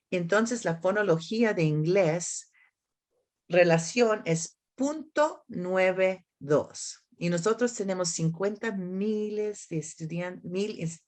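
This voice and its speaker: Slow and halting, this woman from the United States has a lowish, darkish voice and seems to search for words in a second language. As an academic expert at a conference, she explains her answers in discussion, often tacking on tag questions to seek agreement.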